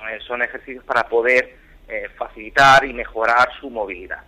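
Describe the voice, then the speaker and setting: Thirties barcelona guy calling into radio, bright voice, keeps restarting, earnest. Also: mid-range voice, steady tone, slightly rough, low-quality recording. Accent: Spanish, from Barcelona. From Spain. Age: 30s. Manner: halting, restarts often, earnest. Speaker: caller. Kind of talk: phone-in interview.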